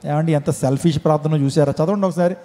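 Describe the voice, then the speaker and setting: A man's voice: a little high, fairly even intonation, quick pace, mellow, in a large hall. A male pastor preaching a sermon, pressing his listeners with rhetorical questions and acting out desperate cries for help.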